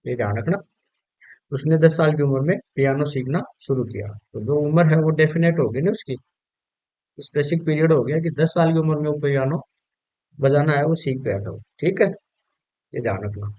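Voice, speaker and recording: A male teacher with a somewhat high voice runs through a grammar quiz, asking questions and answering them himself. He reads each quiz sentence slowly and drawn out. The recording is dull and dry, from a small room. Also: darkish tone, dry recording. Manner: explains step by step, asks students questions and answers them himself. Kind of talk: exam-prep grammar lesson.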